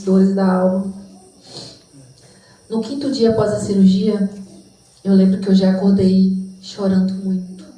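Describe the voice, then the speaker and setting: A woman's voice: medium pitch, mellow, slight background noise. A woman giving an emotional, reflective spoken testimony in church. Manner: emotional, reflective, sometimes sings. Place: church hall. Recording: distant mic in echoey church hall.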